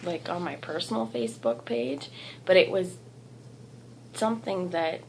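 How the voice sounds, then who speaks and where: Woman tarot reader, gravelly, losing her voice. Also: lowish voice, a little slow, slight background noise, rough recording. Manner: gentle, encouraging, rambling with restarts. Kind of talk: channelled tarot reading.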